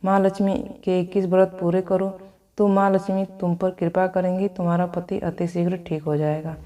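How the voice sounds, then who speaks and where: A gentle old temple mother, as a woman narrator puts her on, speaking in a soothing, consoling way. The voice sits low and sounds warm and mellow. She fits a devotional storybook reading. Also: little pitch movement, normal speed, dull audio, close to an everyday voice.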